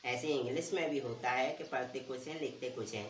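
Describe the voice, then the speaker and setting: A male teacher giving a pronunciation lesson, asking questions and answering them himself and repeating words slowly. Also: medium pitch, recorded from a distance, a little hiss or hum. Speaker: English teacher. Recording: roomy echo, voice from off the mic.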